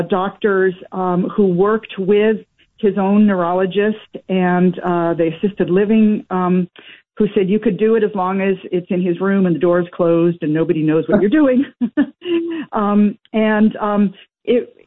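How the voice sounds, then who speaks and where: A woman calling in to a radio show over a phone line, telling a personal story with many ums and uhs. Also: on the low side. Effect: caller heard over a phone line on a radio show.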